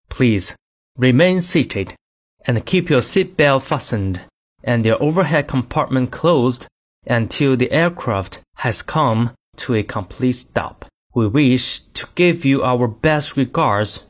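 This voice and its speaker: Slow, formal male cabin announcer. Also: medium pitch. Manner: formal, measured announcer delivery. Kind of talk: reading scripted in-flight announcements.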